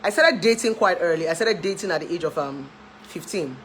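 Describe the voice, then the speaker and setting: A woman's voice: lowish voice, expressive, a little fast, a bit bright, slight background noise, rough recording. A woman in her thirties with a Nigerian accent, a relationship therapist chatting to her followers about her life, laughing often and dropping into pidgin. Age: 30s. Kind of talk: casual chat to camera.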